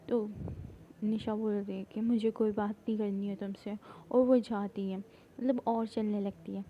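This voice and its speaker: A woman casually retelling a drama plot, rambling with many fillers and halting restarts. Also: medium pitch, little pitch movement, muffled recording, slight background noise. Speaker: storyteller recapping a drama plot.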